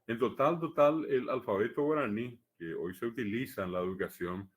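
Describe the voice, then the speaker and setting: A man giving a live academic lecture, measured and explanatory, pausing often on hesitation fillers. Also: mid-range voice. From Paraguay. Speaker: lecturer on the Guaraní language.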